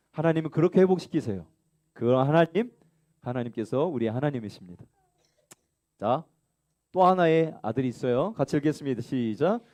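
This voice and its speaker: In a church sanctuary, a children's pastor gives a lively children's sermon, leading the group in reading aloud together through call-and-response. He acts out the elder son's complaints in a high, whiny voice.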